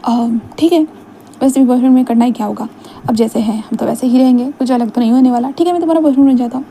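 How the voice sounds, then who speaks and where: A woman doing a calm, teasing young man. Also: on the high side, very fast, slight background noise, lightly acted. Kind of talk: casual retold story.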